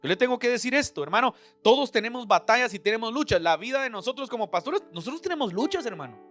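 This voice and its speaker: A man's voice: extremely high pitch, animated, fast talker. A middle-aged man with a Central American Spanish accent preaching a sermon as pastor, talking to the congregation as brothers and asking them questions. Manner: preacherly, addresses listeners as brother, rhetorical questions. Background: soft background music.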